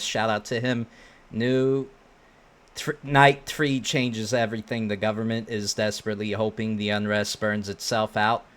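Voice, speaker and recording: A man's voice: lowish voice, fairly bright tone. A man hosting online reaction commentary, reading posts aloud and giving opinions in casual, slangy speech.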